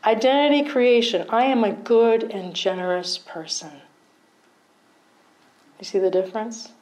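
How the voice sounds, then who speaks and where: A woman's voice: on the high side, a little slow, a little mellow, poor audio. A middle-aged woman teaching meditation in a conversational dharma talk, often checking in with her listeners and laughing at herself.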